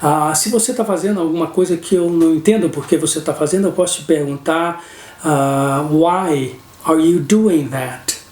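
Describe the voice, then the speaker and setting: Patiently explaining English grammar, this Brazilian Portuguese–accented teacher keeps checking in with his students by asking "não é?". His slightly mellow voice is on the high side and moves at a normal speed, and there's a roomy echo.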